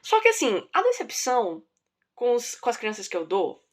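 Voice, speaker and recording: A young Brazilian woman who teaches children, telling stories in a casual, lively, self-mocking way with a Brazilian accent. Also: fairly high pitch, normal speed. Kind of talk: casual storytelling vlog.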